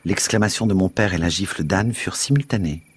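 A male radio host narrating a novel in a steady, expressive reading. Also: low voice, a little fast, breathy edge, dry recording.

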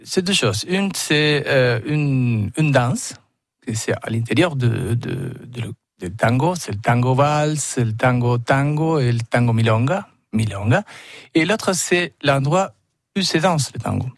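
Man, Argentine Spanish accent, foreign accent in French, slow hesitant delivery, medium pitch, dry close sound, interview answers. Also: animated, dry recording. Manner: foreign accent in French, halting non-native grammar with searching hesitations. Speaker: festival artistic director, tango teacher and dancer.

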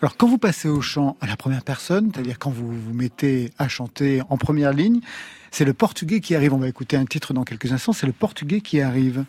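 A man hosting a radio music show who interviews a guest with brisk, pointed questions. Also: medium pitch, animated, darkish tone, husky. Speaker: radio host.

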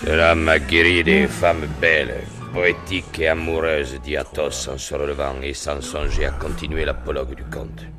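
A man giving a measured, unhurried literary reading. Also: very deep voice, little pitch movement, music in the background. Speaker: reader.

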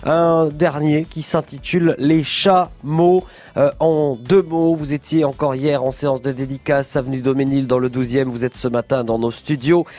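A man hosting a live call-in radio show from a studio, lively and jokey with his guest. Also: medium pitch, normal speed, faint music behind. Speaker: radio host.

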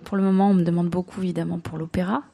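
A woman's voice: fairly low pitch, little pitch movement, very fast, vocal fry, mellow, slight background noise. A woman from Belgium with a light Belgian French accent, an opera singer chatting as a radio guest, hesitant and full of restarts. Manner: hesitant, many fillers and restarts, laughs easily. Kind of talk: casual interview chat. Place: live radio show before a public.

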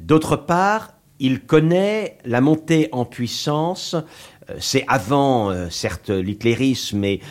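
A man speaks as a guest in a radio discussion. He is thoughtful and hesitant, pausing often as he builds his ideas. His voice sits at an ordinary middle pitch. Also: animated. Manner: thoughtful, hesitant, many pauses.

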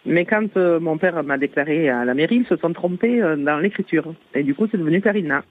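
A low-pitched woman from Toulouse, France, with a southern Toulouse accent, calls in to a radio show over a tinny phone line. She speaks briskly with lively intonation, chatting, giggling and explaining at length.

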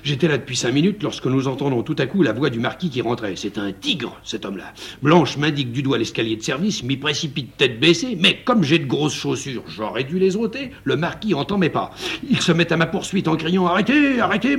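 A man voicing a cowardly young lover who recounts his escape in a rushed, excitable way, in a 1950s radio play reading. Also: on the high side, vocal fry. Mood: frantic. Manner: breathless, rushed, excitable storytelling.

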